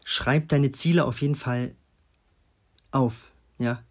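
A man's voice: medium pitch, steady tone, slow. A young man hosting a self-help podcast, talking loosely and chattily with lots of fillers and little tag questions. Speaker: podcast host.

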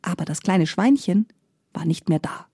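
A woman narrating a fairy tale in a slow, gentle and expressive way, close to the mic. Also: lowish voice, husky, dry recording. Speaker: storyteller.

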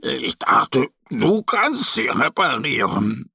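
A man voicing a gentle little male bear cub with a slow, drawn-out, whimpering delivery. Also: medium pitch, very animated, vocal fry, breathy edge, no echo, clean studio sound, full character voice. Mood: tearful.

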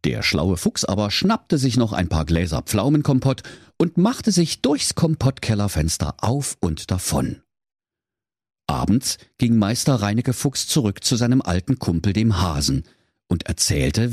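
A man narrating a comic fairy tale in a playful, expressive storytelling manner. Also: on the low side, husky, no echo, studio quality.

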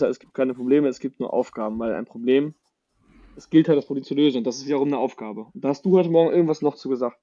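A man co-hosting a podcast in casual discussion, talking in quick, loose restarts. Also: medium pitch, mellow, highs cut off. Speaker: podcast co-host. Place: shared house in Marbella.

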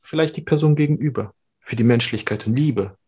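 A man talking as a podcast guest, animated and quick in bursts, in casual conversation. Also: medium pitch, slightly rough.

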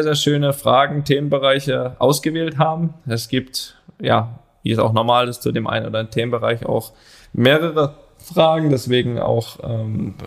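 Man, gravelly voice, casual podcast chat, rambling, teasing. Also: mid-range voice. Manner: rambling, restarts, teasing banter. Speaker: podcast co-host; professional footballer.

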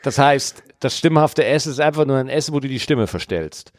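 A man's voice: mid-range voice, lively intonation, moderate pace. A man co-hosting a casual podcast, joking and teasing with big exaggerated reactions while he reads out and discusses a listener's mail. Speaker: podcast co-host.

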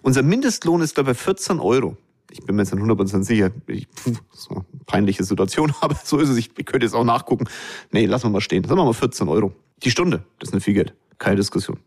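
A man's voice: fairly low pitch, expressive, fast talker, darkish tone, breathy edge. A man hosting a podcast, talking straight to his listeners in a blunt, colloquial monologue. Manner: addresses listeners directly. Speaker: podcast host.

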